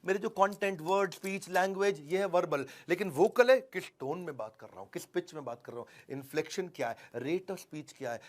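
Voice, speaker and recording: A man giving a motivational sales seminar, animated and constantly quizzing his audience. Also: sits high, fairly quick, hardly any pauses. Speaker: sales trainer.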